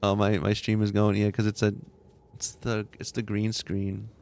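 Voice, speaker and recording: A man's voice: lowish voice, completely flat delivery, moderate pace, vocal fry, a little mellow, clean tone. A man streaming a game from his room at home, chatting casually with viewers and telling rambling, laughing anecdotes full of restarts. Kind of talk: casual chat with stream viewers while gaming.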